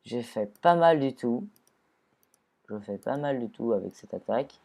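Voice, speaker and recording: A man's voice: medium pitch, animated, a little slow, vocal fry, mellow. A man giving casual, rambling gameplay commentary, often restarting sentences and talking to the creatures in the game. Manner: rambling, self-correcting, talks to his creatures.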